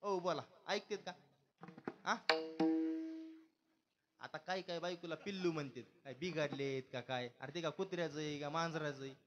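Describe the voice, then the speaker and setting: A man's voice: on the high side, moderate pace, long pauses, a bit bright, lo-fi sound, soft background music. A young man preaching a humorous kirtan sermon, joking and asking the audience questions. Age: young adult.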